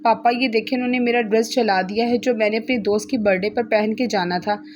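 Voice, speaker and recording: A woman's voice: a little high, steady tone, fast, a little hiss or hum, natural voice. A woman voicing a spoiled, bossy rich young woman who scolds sharply. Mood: angry.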